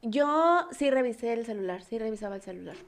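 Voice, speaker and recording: A young Mexican woman in casual chat, her voice sitting a little high. She tells stories in a slangy, animated way and often acts out the cries. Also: fairly quick.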